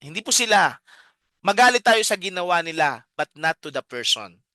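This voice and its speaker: Middle-aged Filipino lay preacher, bright and lively storyteller who keeps asking the audience questions. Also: male voice, sits high, normal speed, dry recording, studio quality. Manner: storytelling, many rhetorical check-ins. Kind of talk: casual preaching talk mixing Tagalog and English.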